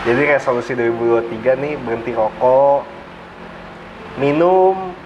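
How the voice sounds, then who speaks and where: A man's voice: mid-range voice, a little slow, a little mellow. A man in his late twenties with a Jakarta accent, speaking casually in colloquial Jakarta slang. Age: late 20s. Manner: colloquial, peppered with filler slang and English words. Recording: muffled, with clear background noise.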